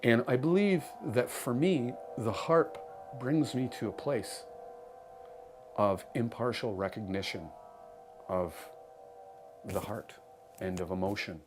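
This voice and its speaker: A man with a low voice muses on his own life as a storyteller would. His phrasing is lyrical and earnest, and music plays clearly behind him. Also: a little slow, pauses often. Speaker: harp player. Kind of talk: reflective personal storytelling. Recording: music under the voice.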